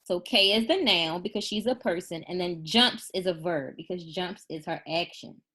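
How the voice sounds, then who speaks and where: A woman's voice: on the low side, pushed and bright. Patient first grade teacher, woman. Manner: slow, deliberate dictation of sample sentences; encouraging, patient teacher talk. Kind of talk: recorded remote lesson.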